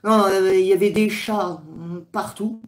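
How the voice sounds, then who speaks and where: A woman hosting a casual livestream, answering viewers at an unhurried pace. She rambles a little and fills pauses with hesitations. Her voice sits at an ordinary pitch for a woman. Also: fairly even intonation. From France. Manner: chatty, rambling with many fillers. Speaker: livestream host. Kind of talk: casual live chat reading comments.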